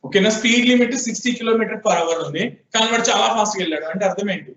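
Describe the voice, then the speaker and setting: High-voiced Telugu-accented male teacher, quizzing students in class, echoey room, mic set far off. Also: very fast, a bit bright. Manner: questioning students, prompting answers. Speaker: programming teacher. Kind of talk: classroom lecture mixing Telugu and English. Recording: echoey room, distant, dull lo-fi sound.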